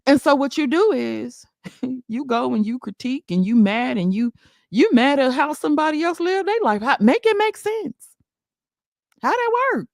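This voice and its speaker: A woman's voice: high-pitched, expressive, moderate pace, gravelly, dry recording, studio quality. A woman, hosting a casual commentary stream, sassy and laughing, firing off emphatic rhetorical questions.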